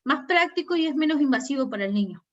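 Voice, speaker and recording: In this lo-fi online lecture, the nursing instructor speaks quickly and animatedly, her voice sitting high. With her Rioplatense Spanish accent, she explains things step by step and keeps checking understanding through frequent tag questions.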